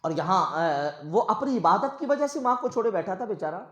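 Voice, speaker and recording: A man preaching an Urdu sermon and telling a story, emphatic, his voice swelling loud on key phrases. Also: high voice, animated. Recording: echoey room.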